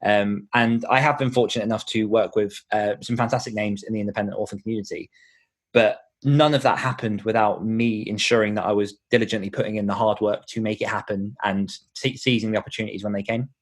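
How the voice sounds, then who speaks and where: In this conversational interview, a podcast host and author offers earnest, explanatory responses, working out his ideas aloud. His pitch is fairly low, his intonation fairly even, and his pace quick.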